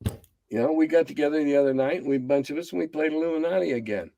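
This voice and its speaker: Poor audio carries a fast-talking man with vocal fry, a game designer in his seventies guesting on a casual interview. He speaks bluntly and rambles, growing low and quiet as he winds down; there's no echo.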